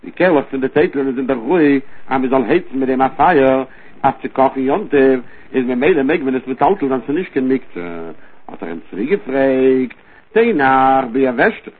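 A man teaching a Talmud study lesson with a rapid, rising and falling study cadence. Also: mid-range voice, animated, husky. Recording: tinny phone-line recording.

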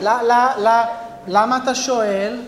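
A man with a high, piercing voice rants and shouts in paranoid bursts during a comedy sketch. His voice rings around a reverberant room, with the faint murmur of an audience behind him. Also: steady tone, a crowd in the background, background noise.

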